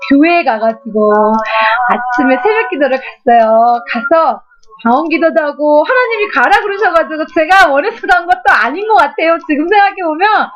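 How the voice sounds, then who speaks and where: Give me a high-pitched woman giving a fervent sermon testimony, recorded dull and lo-fi. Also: expressive, moderate pace. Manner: fervent, tearful at times.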